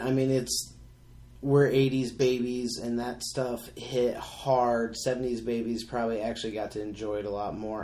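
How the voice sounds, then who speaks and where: A man's voice: mid-range voice, darkish tone. A man in his thirties co-hosting a casual podcast, rambling with enthusiasm. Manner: rambling, enthusiastic, many fillers. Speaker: podcast co-host. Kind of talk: casual chat. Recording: roomy echo.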